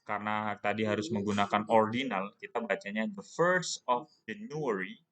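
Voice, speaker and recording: Male teacher with Indonesian accent, lowish voice, patient self-answering explainer for a recorded class. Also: normal speed, fairly bright tone. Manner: explains patiently, asks and answers his own questions. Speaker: English teacher. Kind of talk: recorded online class lesson.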